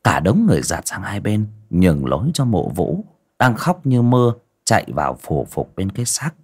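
A man narrating an audio story in a steady, storytelling way, dramatic in places. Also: deep voice, normal speed, breathy edge.

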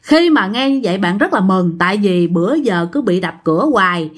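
A woman's medium-pitched voice moves briskly through a ghost story told to her listeners. She brings it to life by acting out what the people in the tale say.

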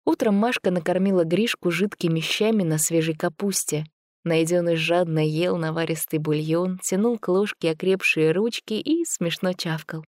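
A woman narrating a story aloud in an even, measured storytelling manner. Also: on the low side, no room sound, clean studio sound. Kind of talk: audiobook narration.

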